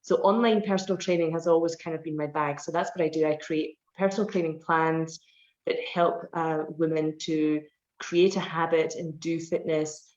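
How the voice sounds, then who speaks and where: A Scottish woman in her forties, a personal trainer appearing as an interview guest, gives long, filler-heavy answers in a casual chat. Her voice is low and darkish, with fairly even intonation and a moderate pace. The online call audio sounds roomy and dull.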